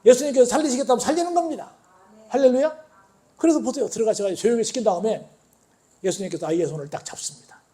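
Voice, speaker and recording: A male pastor preaching a sermon, calling out to the congregation and swinging from near-quiet to loud. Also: very high voice, fast talker. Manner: call-and-response preaching, dramatic swings in loudness.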